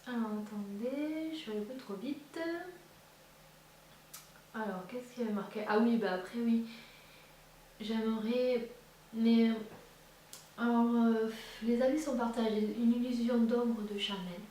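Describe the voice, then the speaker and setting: A woman's voice: a little high, fairly even intonation, unhurried, pauses often, dark tone. Woman, casual beauty chat, hesitant, hollow room echo, faint hiss. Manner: hesitant, many fillers and restarts. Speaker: beauty vlogger. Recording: echoey room, far from the mic, faint hiss.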